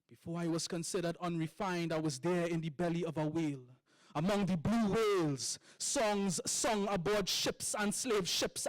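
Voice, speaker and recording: A young adult man from Trinidad and Tobago, with a high voice and Trinidadian accent, performs a spoken word poem in a rhythmic, emphatic style. The recording is dry and rough.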